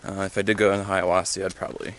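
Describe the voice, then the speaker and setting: This is a casual trail vlog from a young thru-hiker whose low voice comes across flat and a bit bright. Winded from hiking uphill on a mountain path, he speaks haltingly with lots of fillers in a laid-back manner, while background noise is clearly heard.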